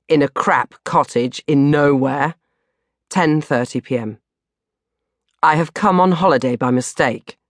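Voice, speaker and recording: An audiobook narrator with a bass voice reads her own novel, a comic first-person diary, in a dramatic, exasperated manner. The studio-quality recording has no room sound.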